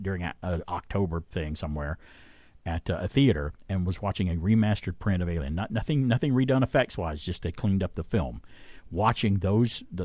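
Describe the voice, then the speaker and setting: Low-voiced male radio host, dry sound. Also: a little mellow, no echo. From Atlanta area, United States. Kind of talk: casual radio chat. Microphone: close broadcast mic.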